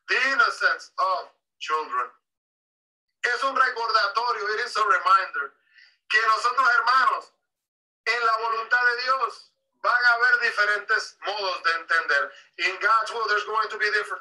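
A man's voice: extremely high pitch, recorded from a distance, low-quality recording. A male pastor preaching an online sermon, translating himself between two languages and telling stories with lots of restarts. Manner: animated storytelling with frequent restarts. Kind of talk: bilingual sermon, self-translating. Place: online church service.

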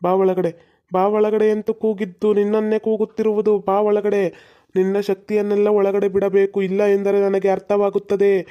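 A performer voicing a stern old male exorcist in a cartoon, speaking in slow formal commands. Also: medium pitch, completely flat delivery, smooth, lo-fi sound, close to an everyday voice. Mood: commanding.

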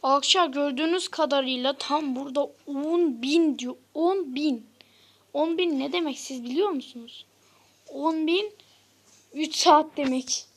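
This woman chats straight to her audience while playing through a game as a YouTuber, her casual commentary quickly turning frustrated. Her voice sits high.

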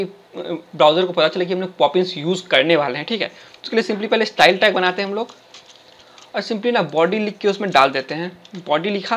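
A man's voice: high voice, a bit bright. A young man hosting a coding tutorial, talking through each step in a chatty way and checking in with the viewer after nearly every line. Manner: chatty, keeps tagging lines with "theek hai?". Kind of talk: screen-recorded coding tutorial.

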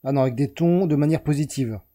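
His voice is mellow and on the high side, and he moves at a quick pace. The French self-help video host talks loosely to his audience while drawing a chart, meandering and correcting himself.

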